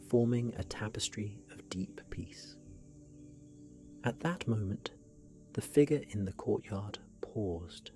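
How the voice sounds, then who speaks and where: A man reads a bedtime sleep story in a soothing, hushed voice. His pitch sits fairly low and he takes his time, very slowly, with gentle unhurried phrasing. Faint music plays behind him. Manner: gentle, hushed, unhurried guided-relaxation delivery.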